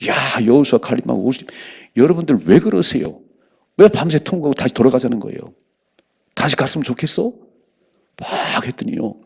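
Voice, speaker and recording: A man's voice: mid-range voice, creaky, darkish tone, husky. A man preaching an early-morning sermon as a pastor in a church, exhorting the congregation and calling for amens. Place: church sanctuary.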